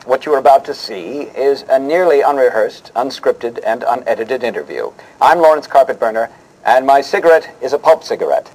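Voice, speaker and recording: Sounding close to an everyday voice, with medium pitch and a darkish tone, this man delivers animated, mock-dramatic announcements as a pompous host who's easily rattled, spoofing a vintage television interview program. He stumbles and hesitates over his questions, and the recording is poor.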